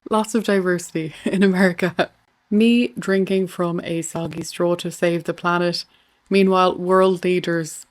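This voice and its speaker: A woman's voice: lowish voice, fairly even intonation, moderate pace. A woman hosting a show, reading out captions and commenting on political memes. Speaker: host.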